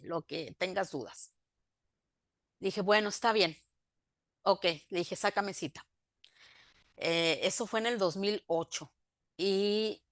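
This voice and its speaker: A woman's voice: medium pitch, no echo, clean studio sound. A woman, giving a faith testimony in an interview, telling her story by acting out both sides of the remembered conversations and turning emphatic when she preaches.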